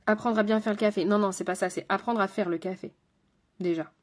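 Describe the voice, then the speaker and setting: A woman's voice: medium pitch, fairly even intonation, brisk. A woman with a French accent, a makeup artist chatting with viewers while doing her makeup on a live stream. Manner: chatty, talks straight to viewers and chat.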